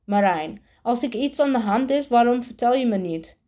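A woman's voice: a little high, animated, normal speed, warm tone, pitched above the performer's own voice, close to an everyday voice. A woman reading the part of a worried mother, pleading and stumbling over her words. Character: worried mother of a troubled boy.

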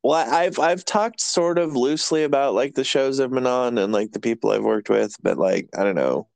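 A man's voice: medium pitch, moderate pace, gravelly, darkish tone, dry recording. A man hosting a podcast, chatting casually in a rambling, self-deprecating way and laughing often. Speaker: podcast host. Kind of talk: casual chat.

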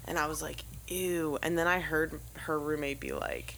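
A woman's voice: low voice, normal speed, a little hiss or hum, poor audio. A young woman hosting a podcast, telling stories in casual chat and swearing freely. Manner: lively storyteller, swearing freely. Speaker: podcast host.

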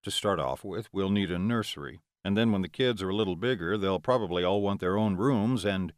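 A man voicing an affectionate male vampire lover in an audiobook, speaking low, calm and reassuring. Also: brisk, clear, resonant tone, no echo, clean studio sound, lightly acted.

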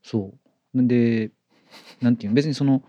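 This co-host talks at normal speed in a mellow mid-range voice, captured in a dry, lo-fi recording. He is from Kansai, Japan, with a Kyoto-Kobe mixed accent, and his casual chatter is dotted with repeated short agreements.

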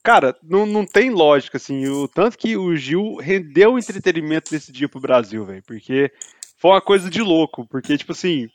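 A man co-hosts a relaxed chat, rambling and stumbling over repeated words as he gathers his thoughts. His voice sits a little high for a man. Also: fairly quick, no room sound. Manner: rambling, repeats words while searching for phrasing. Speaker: podcast co-host. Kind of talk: casual chat.

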